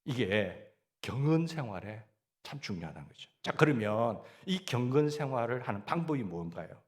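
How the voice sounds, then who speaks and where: A man's voice: medium pitch, very animated, moderate pace. A man with a Gyeongsang Korean accent preaching a sermon as pastor, asking the congregation questions and answering them himself.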